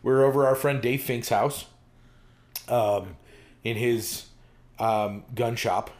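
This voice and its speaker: A man's voice: medium pitch, slow, darkish tone. A man co-hosting a podcast in casual chat, rambling with lots of fillers and restarts. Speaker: podcast co-host.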